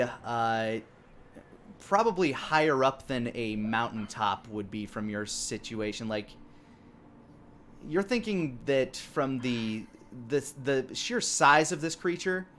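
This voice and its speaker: A man acts as game master for a tabletop game, improvising the narration and searching for words as he describes things. His voice is medium in pitch and a bit bright, and the background is clearly noisy.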